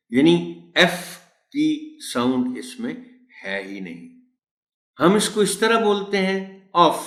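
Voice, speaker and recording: A man training teachers in a pronunciation lesson. He explains slowly and patiently and repeats model words. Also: medium pitch. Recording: echoey room.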